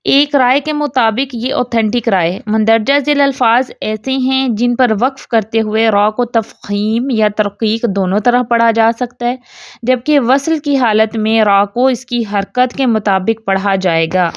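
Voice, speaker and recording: A woman teaching a recitation lesson who explains step by step, checks understanding often, and slowly chants the example words. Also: fairly high pitch, no room sound, clean studio sound. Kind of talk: tajweed lesson in Urdu.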